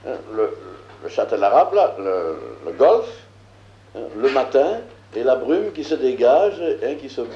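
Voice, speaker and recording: A man teaching a lesson, reading scripture aloud and explaining it, slow and emphatic, with frequent filler words. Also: mid-range voice, mellow, reverberant, dull audio, slight background noise. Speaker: Bible teacher.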